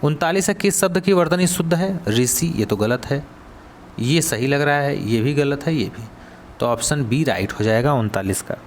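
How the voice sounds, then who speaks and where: Man, Hindi accent, coaching teacher, mid-pitched voice, faint hiss behind, question-and-answer drilling. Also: expressive, normal speed. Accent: Hindi, Varanasi region. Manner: asks students then answers, repeats key words. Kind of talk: exam question walkthrough.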